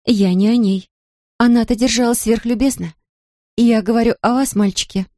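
A woman's voice: a little high, fairly even intonation, normal speed, mellow, no room sound, studio quality, pitched above the performer's own voice, natural voice. A woman voicing a patient young nanny.

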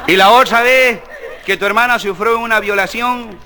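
A man's voice: high-pitched, normal speed, over music. A man voicing a dying Chilean man who slyly confesses to his business partner in crude slang, with a Chilean accent. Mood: sly confession. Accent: Chilean Spanish. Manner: sly, crude slang, guilty chuckles.

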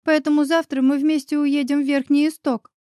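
A woman's voice: high-pitched, level tone, brisk, dark tone, no echo, studio quality, voice pushed up, natural voice. A woman voicing a heartbroken young woman who sobs as she speaks. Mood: bitter. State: sobbing. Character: tearful young woman friend, heartbroken and resigned.

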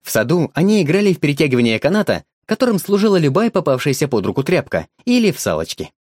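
A man narrating an audiobook in an expressive, lively storytelling manner. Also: on the high side, fast, no echo, clean studio sound.

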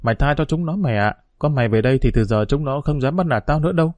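A man's voice: mid-range voice, expressive, quick pace, a little mellow, no echo, lightly acted. A man voicing a young street boy who is timid, clingy and tearful, pleading with his friend in a Vietnamese storybook reading.

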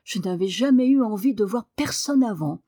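A woman's voice: medium pitch, animated, moderate pace, warm tone, dry recording, clean studio sound, lightly acted. A woman reading aloud voices a shy, dignified boy who speaks timidly and earnestly.

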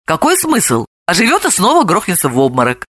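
A woman voicing a brisk, bossy young woman in a Snow Maiden costume who speaks firmly. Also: lowish voice, wildly swooping pitch, a bit bright, dry recording, studio quality, full character voice. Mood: commanding. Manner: firm, commanding.

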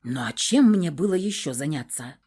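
A woman's voice: sits low, animated, moderate pace, darkish tone, husky, voice pushed down. A woman voicing a cocky young male warlock who talks smugly and without a care, in a read-aloud story. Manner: smug, drawling, unbothered.

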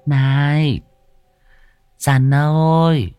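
A man voicing a scheming, lustful rich woman who is shrill, coaxing and bossy. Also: flat delivery, very slow, mellow, faint music behind.

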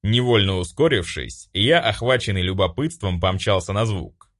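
A man narrating a first-person audiobook, expressive and acting out his own lines. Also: low voice, moderate pace.

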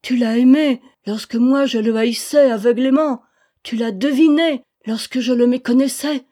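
A woman's voice: mid-range voice, fairly even intonation, a little slow, mellow, lightly acted. A woman reading aloud, voicing an old male charcoal burner who speaks with fervent, pleading emphasis. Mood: exalted.

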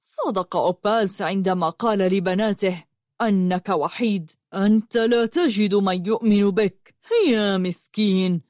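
A woman's voice: mid-range voice, sing-song, unhurried, darkish tone, dry recording, studio quality. Barq, a sneering brutal horse-spirit villain voiced by a woman narrator. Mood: taunting. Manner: taunting, spiteful, through gritted teeth. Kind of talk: audiobook narration.

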